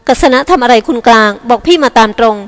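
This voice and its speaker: A woman's voice: a little high, animated, fast, in a large hall, faint music behind, close to an everyday voice. A woman voicing a composed, protective older sister who presses her sibling for answers, in an audiobook. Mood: pressing. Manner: pressing, demanding.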